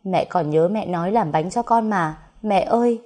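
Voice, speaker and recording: A woman's voice: mid-range voice, moderate pace, warm tone, natural voice. A woman voicing a young woman pleading with her dying mother, tearful and desperate. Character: grieving young woman, devoted daughter.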